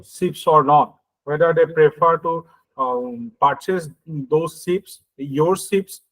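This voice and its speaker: A man with an Indian accent and a fairly high, fairly bright voice gives a lecture built on everyday examples. His delivery is halting, full of hesitations and short comprehension checks, and the recording quality is low.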